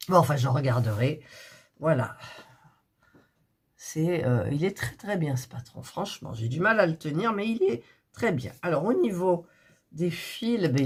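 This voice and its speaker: A middle-aged woman, hoarse and recovering from a cough, chatting softly and thinking aloud as she unboxes cross-stitch kits. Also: rumbling low. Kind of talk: casual unboxing chat.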